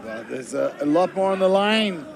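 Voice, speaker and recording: Male fight analyst, live colour commentary, informal, analytical, slightly high voice, halting phrases, clear crowd noise. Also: animated. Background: arena crowd.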